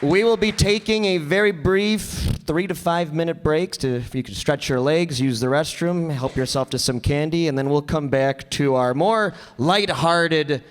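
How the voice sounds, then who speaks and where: The announcer and host of a radio players troupe speaks from a stage to a live audience in a fairly high voice, a little slow with few pauses. His casual, effusive announcing includes some stumbles. Recorded in a live room with a crowd and faint noise.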